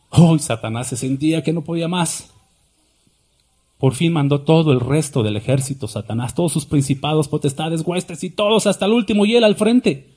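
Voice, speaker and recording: A male pastor delivers an impassioned sermon, swinging between booming declarations and quiet asides. His voice sits a little high and has a husky, breathy edge. He keeps pulling listeners in with rhetorical questions.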